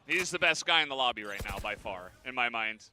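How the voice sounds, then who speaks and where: Sharp, bright-voiced male esports caster. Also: mid-range voice, animated, a little fast, soft background music. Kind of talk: live esports colour commentary.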